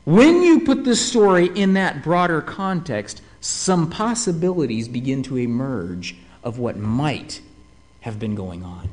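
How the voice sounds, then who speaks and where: A man delivering a sermon in a somewhat high voice. His pitch rises and falls dramatically as he builds his points. He often turns to his listeners with rhetorical questions. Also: animated, unhurried. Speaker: preacher.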